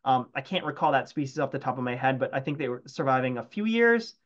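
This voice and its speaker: A man's voice: mid-range voice, animated, fast, fairly bright tone, muffled recording. A man, an entomologist, answering audience questions over a video call in a casual, hesitant way with many restarts. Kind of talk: casual Q&A after a talk. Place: home room, video call.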